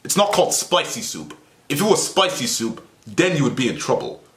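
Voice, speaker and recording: A young man with a fairly high voice at normal speed reacts to a video from his small bedroom, excitable and playful, throwing teasing asides into the webcam. A reaction vlogger giving casual commentary, he sits at his desk with earphones in, and the room sounds echoey.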